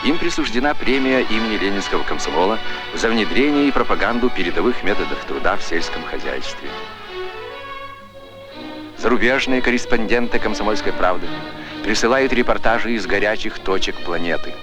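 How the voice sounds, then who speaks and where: Man narrating an old newsreel, low voice. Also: animated, a little fast. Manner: formal, declamatory announcer delivery. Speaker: documentary narrator. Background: music score.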